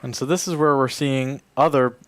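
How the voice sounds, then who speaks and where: With a steady, fairly bright tone at medium pitch, a man commentates his speedrun live at a charity marathon, walking through his route and cajoling the characters as he plays. He keeps a moderate pace, and the recording has no echo.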